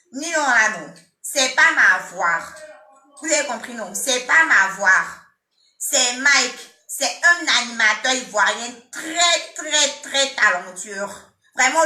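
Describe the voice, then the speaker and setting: A woman with an Ivorian French accent talks on a live stream, teasing her commenters and scolding them in jest. Her voice is very bright and sharp and sits a little high. The sound comes from an echoey room. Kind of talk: casual live-stream chat.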